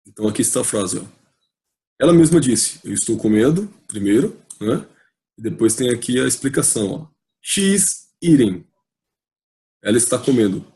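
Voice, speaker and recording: A man's voice: medium pitch, dark tone. A man with a Brazilian Portuguese accent teaching an English grammar video lesson, patient and repetitive, spelling out letters as he explains.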